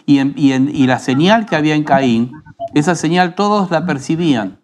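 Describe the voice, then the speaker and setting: Argentine pastor teaching in an unhurried tone. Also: male voice, a little high, animated. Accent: Rioplatense Spanish. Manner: unhurried, teaching tone with frequent rhetorical tag questions. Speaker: pastor and radio program host. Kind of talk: conversational preaching.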